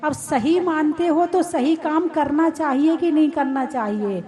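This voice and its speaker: A woman nun delivers a sermon at an unhurried, deliberate pace. Her voice sits high, and she talks to the crowd conversationally, teasing them and asking questions. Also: warm tone. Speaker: Jain nun preaching. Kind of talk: sermon to a live audience. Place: hall with a live audience.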